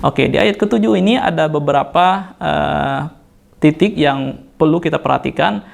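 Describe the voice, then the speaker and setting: A man with an Indonesian accent, teaching Quran recitation rules and slowly chanting verses between patient explanations. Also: fairly high pitch, creaky. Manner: patient, corrects mistakes step by step with fillers. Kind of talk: tajwid lesson with slow chanted recitation.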